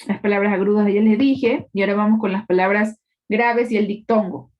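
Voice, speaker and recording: A woman's voice: medium pitch, steady tone, brisk. Female teacher on a video call, explanatory lecture style, muffled lo-fi mic. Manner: explanatory, checks in with tag questions. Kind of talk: live online class lecture.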